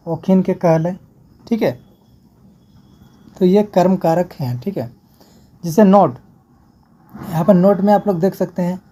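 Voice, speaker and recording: A woman teaches an exam-prep grammar class. Her voice is very dark and mellow and sits a little low. She goes through the material step by step and repeats every example before moving on. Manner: explains step by step, repeats each example and checks with "ठीक है".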